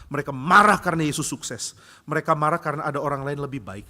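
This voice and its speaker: A man's voice: on the high side, fast talker. A male pastor preaching a sermon, telling stories and acting out the dialogues in a church hall. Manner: lively storytelling, acts out dialogues.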